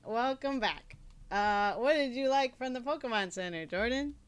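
A woman's voice: fairly high pitch, normal speed, clear, resonant tone, no echo. A young woman co-hosting a podcast, chatting casually and teasing her co-host. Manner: teasing, playful. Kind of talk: casual chat.

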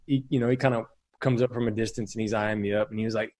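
A man's voice: on the low side, fairly even intonation, quick pace, a little mellow. A middle-aged man, a podcast guest, telling rambling anecdotes with frequent chuckles. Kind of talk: casual storytelling.

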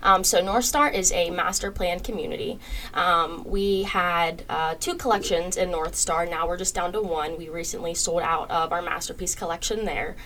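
A woman's voice: lowish voice, moderate pace, a little hiss or hum, low-quality recording. A woman guest on a podcast, chatting casually about new home communities, with frequent ums as she lists details. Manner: relaxed, frequent ums while listing details. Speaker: home builder sales guest.

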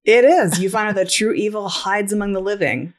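A woman's voice: mid-range voice, brisk. A woman co-hosting a podcast in a casual, playful chat, laughing often. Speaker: podcast co-host.

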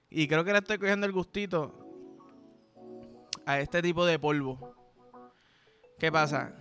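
High, bright Puerto Rican man. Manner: raunchy, slangy, acts out scenes with yelps. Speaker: podcast host. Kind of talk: crude comic storytelling.

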